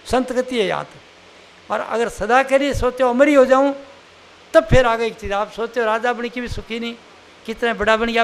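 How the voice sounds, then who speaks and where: A man's voice: very high-pitched, a little hiss or hum. An older man from India giving a spiritual sermon in a plain, conversational teaching manner with everyday examples. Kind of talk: satsang sermon.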